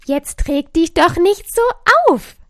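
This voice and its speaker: A woman's voice: very high voice, slow pace, a little mellow, no echo, studio quality, voice pushed up. A woman voicing a cheerful, confident little creature of joy in a bedtime story, talking enthusiastically. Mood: enthusiastic. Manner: enthusiastic, speech-giving.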